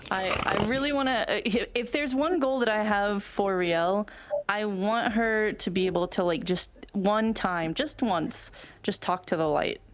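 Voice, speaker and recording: A woman's voice: medium pitch, measured pace, a little hiss or hum. A woman roleplay player talking through her character's goals out of character, hesitant and full of fillers and restarts. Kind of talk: out-of-character planning chat.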